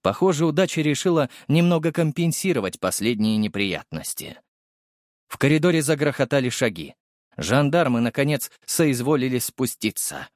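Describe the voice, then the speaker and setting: A man narrating an audiobook in the first person, with expressive delivery. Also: medium pitch, normal speed, dry recording, studio quality.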